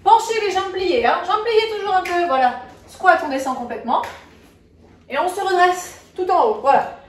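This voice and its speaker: A woman's voice: extremely high pitch, animated, moderate pace. A woman fitness coach leading a live workout, counting reps and checking in on her class while she moves. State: moving while exercising. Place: indoor room with a window. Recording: echoey room, mic at a distance.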